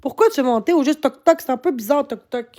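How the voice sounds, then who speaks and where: A woman with a Québécois French accent, talking live to her chat, swearing constantly, repeating herself and bursting into shouts. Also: high-pitched, fast talker. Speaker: livestreamer answering her chat. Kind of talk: live-stream rant.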